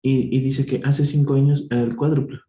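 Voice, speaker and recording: A man works through math problems step by step for an online student, thinking out loud and self-correcting. His mid-range voice is warm yet flat in delivery, and his pace is slow and patient. There's faint noise and an echoey room sound.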